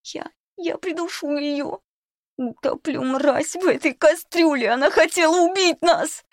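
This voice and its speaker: A woman voicing a furious young girl in a storybook, hissing and shrill, pitched far above her own voice. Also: measured pace, no echo, clean studio sound.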